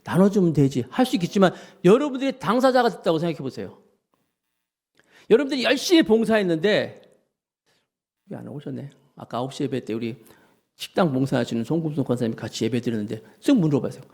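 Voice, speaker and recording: Male pastor, sermon, higher voice, very lively pitch, asks the congregation questions. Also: quick pace, husky.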